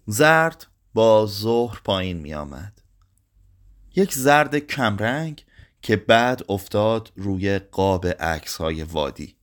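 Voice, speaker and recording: A man reading a literary short story aloud in a slow, somber way. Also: on the low side. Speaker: narrator.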